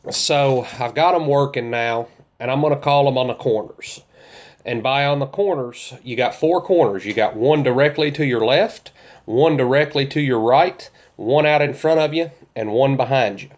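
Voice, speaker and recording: A man's voice: mid-range voice, moderate pace. Man teaching, plain-spoken and folksy. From central Kentucky, United States. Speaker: duck hunter teaching calling techniques. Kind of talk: informal instructional talk.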